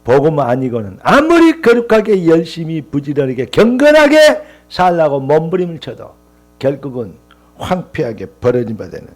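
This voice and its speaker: A man's voice: fairly high pitch, a little mellow. A male pastor preaching a sermon with impassioned, rising emphatic lists and calls of hallelujah.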